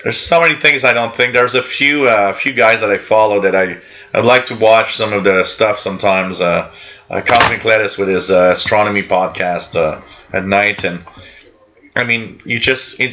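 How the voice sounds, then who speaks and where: Reading viewer comments during a casual live-stream, a native French-speaking man runs a live radio hobby show with friendly, meandering chatter, lots of fillers and restarts. He speaks at normal speed with a fairly low pitch and sharp tone, and the audio is dull.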